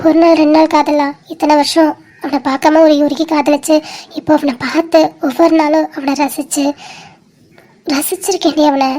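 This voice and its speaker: A heartbroken young woman in a cartoon voiced by a performer speaks. She talks softly and haltingly through tears and pleads. She stays stubborn about her hurt. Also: sits high, level tone, natural voice. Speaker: animated series character. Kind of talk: dramatic cartoon dialogue.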